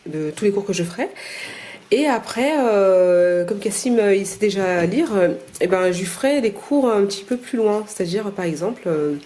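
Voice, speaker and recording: A woman homeschooling her young children, talking to camera in a halting way and explaining lessons patiently. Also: on the low side, a little hiss or hum. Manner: patient, gentle teaching, slow explanations; hesitant, halting speech to camera. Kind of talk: casual home-schooling vlog and lesson.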